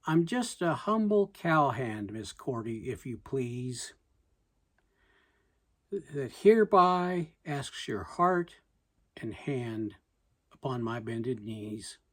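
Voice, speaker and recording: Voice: mid-range voice, expressive, slow. A reciter with a voicing a shy, tongue-tied, lovestruck young cowhand in a poem. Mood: humble, earnest.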